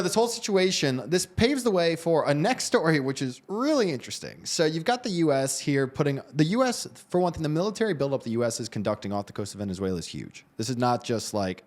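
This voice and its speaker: A man co-hosting a news show, discussing the headlines in a conversational, hedging way and often restarting his phrases. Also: mid-range voice.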